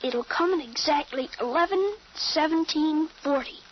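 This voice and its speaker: A woman's voice: high-pitched, normal speed, lightly acted. A woman playing a precise thirteen-year-old American boy with a grown-up mind in an old radio drama, speaking in an articulate, matter-of-fact way. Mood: certain, brisk. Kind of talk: 1940s-50s radio drama acting. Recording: muffled, noisy old radio recording.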